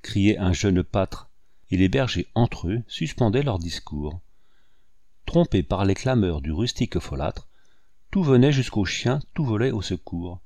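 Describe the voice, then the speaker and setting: A man giving a tender, expressive reading of a poem for an audiobook, measured, with dramatic swells. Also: on the low side, dry recording. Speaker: audiobook reader.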